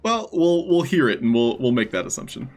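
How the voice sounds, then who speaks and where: A man's voice: medium pitch, very animated, fairly quick, soft background music. A man hosting a live stream, chatting casually with his viewers.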